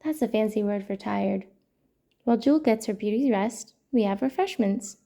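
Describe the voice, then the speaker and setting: A woman hosting a storytime channel, reading a children's picture book aloud in a gentle, playful way. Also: mid-range voice, moderate pace, creaky. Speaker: storytime host.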